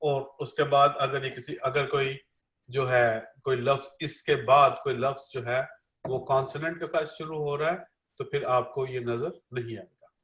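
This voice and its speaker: A man's voice: mid-range voice, fairly even intonation, normal speed, a bit bright. A man interpreting a classroom lecture live, repeating each line with many fillers. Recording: echoey room.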